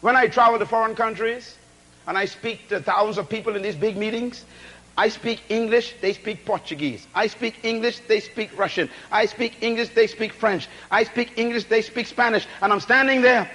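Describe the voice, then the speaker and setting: Preaching at a normal speed, a man calls on the congregation for responses and drives his points home with repetition and rhetorical questions. Between loud bursts of shouted emphasis, he often drops into low asides.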